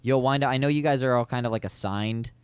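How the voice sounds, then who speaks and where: Uomo in chiacchierata informale, voce nitida. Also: male voice, medium pitch, quick pace, clean tone, no room sound. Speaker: podcast participant, musician. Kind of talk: casual podcast chat.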